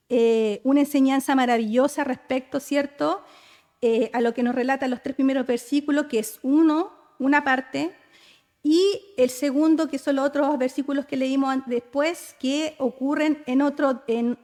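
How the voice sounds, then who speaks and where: A Chilean woman pastor delivers a sermon in a high-pitched voice, peppering her teaching with questioning tags. The sound carries a long reverb from a church hall. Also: darkish tone. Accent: Chilean Spanish. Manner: frequent rhetorical "¿cierto?" tags, storytelling.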